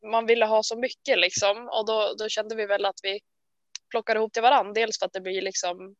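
A woman co-hosting a casual chat, talking in a chatty, self-deprecating way full of quick restarts. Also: mid-range voice, level tone, dry recording, highs cut off. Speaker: podcast co-host. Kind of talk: casual chat about knitting.

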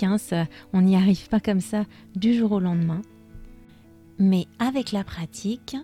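A woman gives a podcast lesson to language learners, her voice warm and mellow. She explains in a calm, measured way, often stopping to think with a soft "euh". Faint music plays underneath. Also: mid-range voice. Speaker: French teacher.

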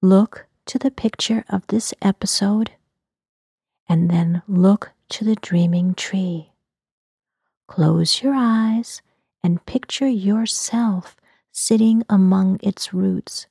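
A woman narrating a dreamy fantasy story in a soft, breathy whisper. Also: medium pitch, slow, dry recording, clean studio sound.

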